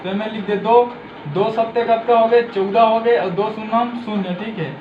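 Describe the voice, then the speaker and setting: A man's voice: high-pitched, fairly even intonation, moderate pace. A man with a Chhattisgarhi accent teaching a math lesson step by step, patient and explanatory, who says "okay" after each step. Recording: roomy, dull lo-fi, faint hiss.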